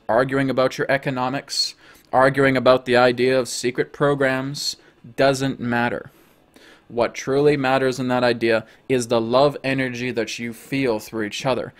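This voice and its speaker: A hoarse man voicing a channeled spirit guide entity that speaks as "we" in a slow, emphatic, sermon-like cadence. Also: medium pitch, little pitch movement, close to an everyday voice. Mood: earnest.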